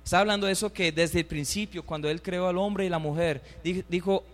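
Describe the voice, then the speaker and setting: Male pastor, high-pitched, fervent sermon delivery, reads scripture and leads the congregation in call-and-response. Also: fairly even intonation, fairly quick, long reverb tail. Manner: fervent, climbs to loud, high emphatic bursts; reads scripture aloud and calls for the congregation to repeat. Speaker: preacher.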